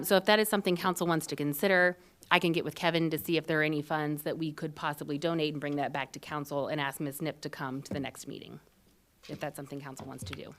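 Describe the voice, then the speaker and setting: A woman speaks in a notably low register as she gives the city manager's report to council. Her delivery is matter-of-fact and businesslike. She fills her pauses with ums. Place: council chambers.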